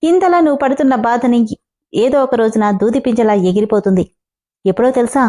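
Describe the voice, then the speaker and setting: A woman's voice: a little high, fairly quick, mellow, natural voice. A woman voicing a young man who is curt, irritable and scornful, snapping his replies dismissively. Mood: mocking.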